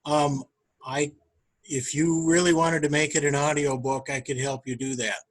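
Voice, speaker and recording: A man in the audience offering help over a video call, trailing off quieter. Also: a little high, little pitch movement, moderate pace. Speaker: audience member.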